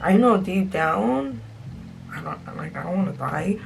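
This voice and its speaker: A young adult woman chatting confessionally in a laid-back stoner drawl, slangy and sweary, with a gravelly fry to her voice. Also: fairly low pitch, expressive, a little slow, very noisy. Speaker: vlogger. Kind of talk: confessional casual chat.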